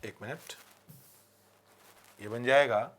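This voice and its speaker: A man teaching vocabulary with memory tricks, asking rhetorical questions and repeating key words slowly. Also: medium pitch. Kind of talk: vocabulary lesson with mnemonics.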